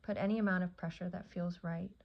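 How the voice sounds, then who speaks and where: A yoga nidra teacher and meditation guide with a low, gravelly voice leads a guided meditation, speaking soothingly in short phrases separated by long pauses. Her tone stays steady, and the recording is slightly dull and muffled.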